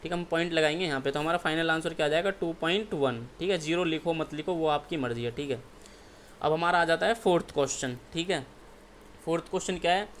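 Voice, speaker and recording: Man, maths teacher, high voice, walks through problems step by step, faint background noise. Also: fast, a bit bright. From India. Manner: keeps asking and answering his own questions, repeats "ठीक है". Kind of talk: step-by-step exam maths lesson.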